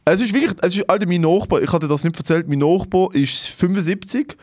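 A man's voice: high-pitched, fairly quick, no echo, clean studio sound. A young Swiss man with a Swiss German accent, a comedian co-hosting a podcast, who tells stories animatedly and acts out the quotes in casual chat. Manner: animated storyteller, acts out quotes, laughs often.

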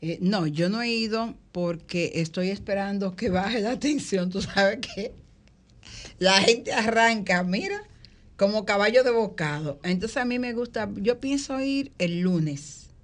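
A woman's voice: mid-range voice, expressive, unhurried. A woman with a Dominican accent, hosting a radio panel and chatting casually in colloquial speech, stretching words for emphasis. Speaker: radio show host.

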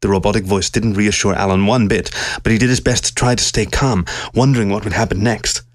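A man with a low voice reads a science-fiction story in a steady, measured way. The sound is dry and close, recorded in a quiet home studio. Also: no room sound. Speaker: narrator.

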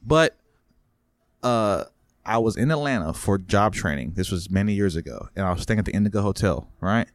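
A man's voice: fairly low pitch, lively intonation, normal speed, dry recording, clean studio sound. A man telling stories on a podcast in a casual, rambling way, full of restarts and swearing. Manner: rambling, profane, restarts a lot. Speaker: podcast co-host and comedian. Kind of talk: casual storytelling chat.

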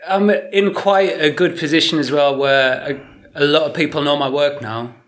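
A man's voice: a little high, moderate pace, fairly bright tone. A man with a County Durham accent chatting casually as an interview guest, informal and a little hesitant, trailing off at times. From County Durham, north-east England. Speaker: podcast guest, mural artist.

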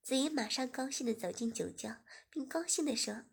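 A woman narrating a story, reading evenly and sometimes dropping into a soft whisper. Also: high-pitched, moderate pace, vocal fry, husky.

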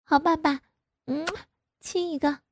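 A woman's voice: high-pitched, unhurried, mellow, no room sound, voice pushed up. A woman playing a coy, wheedling young woman. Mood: coy, pouty. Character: young married woman, coy and pouty daughter. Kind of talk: audio story reading.

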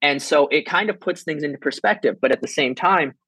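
A man's voice: on the high side, a little fast, sharp tone, slightly rough, dry recording, poor audio. A man in his twenties, a comedian and military veteran, talking casually and rambling with many restarts and free swearing. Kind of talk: casual podcast conversation.

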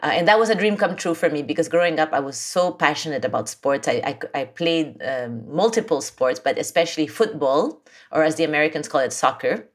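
Low-voiced woman guest telling her story. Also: fairly quick. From Philippines. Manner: warm, lively storytelling with many fillers and restarts. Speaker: podcast guest. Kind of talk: casual interview chat.

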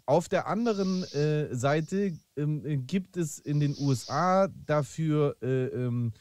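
A man's voice: on the high side, slow pace, a little mellow, a little hiss or hum. A man in casual podcast talk, speaking earnestly with many hesitations. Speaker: podcast co-host. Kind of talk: casual chat.

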